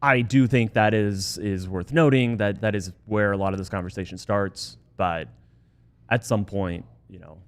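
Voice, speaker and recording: A man's voice: on the low side, steady tone, moderate pace, smooth. A man co-hosting a sports podcast, giving thoughtful analysis and often stammering and restarting his words. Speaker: podcast co-host.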